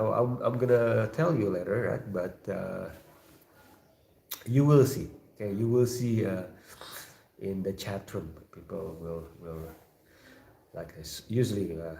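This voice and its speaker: Low, creaky Indonesian-accented man. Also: a little mellow. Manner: halting, repeats words and short phrases. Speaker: host of a live voice chat room. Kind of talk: casual chat, reading out chat messages. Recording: roomy echo, faint background noise.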